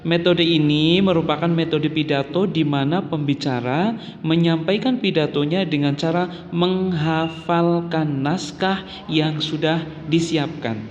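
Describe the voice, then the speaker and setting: A man with an Indonesian accent teaches a lesson on speech methods and speaks directly to his listeners. His voice sits a little high. A long hall reverb follows his words. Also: a little slow, lo-fi sound, slight background noise. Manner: explanatory, addresses listeners, frequent "nah" and "ya". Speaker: instructor. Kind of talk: explaining speech methods to an audience. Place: office or meeting room.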